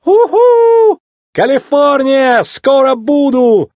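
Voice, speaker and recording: A man voicing a brash, impatient young male race car who shouts indignantly. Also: high-pitched, lively intonation, normal speed, slightly rough, no room sound, studio quality, pitched above the performer's own voice. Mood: exultant.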